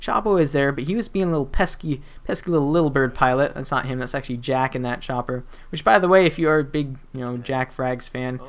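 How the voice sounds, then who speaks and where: A man's voice: medium pitch, fast, hardly any pauses. Chatty young man, gaming voice-over. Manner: rambling and chatty, with frequent fillers and restarts and playful asides. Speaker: gaming YouTuber. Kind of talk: casual gameplay commentary voice-over.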